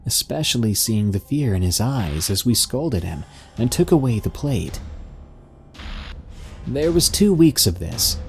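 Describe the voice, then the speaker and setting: Low-voiced man narrating a horror story. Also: a little mellow. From Netherlands. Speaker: care worker.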